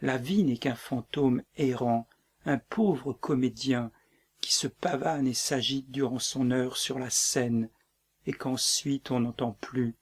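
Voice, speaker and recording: A man reading the part of a doomed tyrant king in a dramatic play reading, brooding and breaking into shouts. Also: mid-range voice, slow, husky. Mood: despairing.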